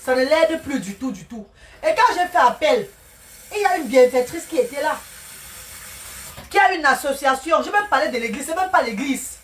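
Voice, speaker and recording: A woman's voice: sits high, lively intonation, normal speed, a little hiss or hum. A woman cooking while she talks on a casual live stream, greeting viewers by name and often speaking of God's blessings. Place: home kitchen. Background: music playing.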